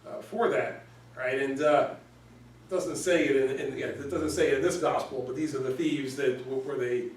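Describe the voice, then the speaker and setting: A man teaches an informal Bible study in a casual, conversational manner. He stumbles over and repeats words and keeps checking in with "right?" His voice sits at an ordinary pitch and is captured from across a strongly echoing church room. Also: fairly even intonation, moderate pace, a little hiss or hum. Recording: roomy echo, recorded from far off.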